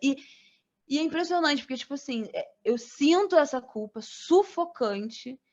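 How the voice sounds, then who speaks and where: A woman's voice: sits high, animated, moderate pace, darkish tone, muffled recording. A woman guest on a casual podcast, talking emphatically and repeating words for stress.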